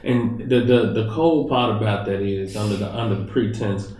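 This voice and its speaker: A man's voice: fairly low pitch, a little mellow, slight background noise. Emphatic man in an echoey room. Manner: emphatic, drawn-out phrasing with slang. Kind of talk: casual group discussion.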